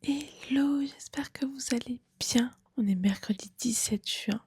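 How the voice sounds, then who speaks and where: A woman's voice: high voice, measured pace, a little mellow, slightly rough. A young woman whispering an early-morning vlog, exhausted. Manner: whispering, tired. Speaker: fitness vlogger.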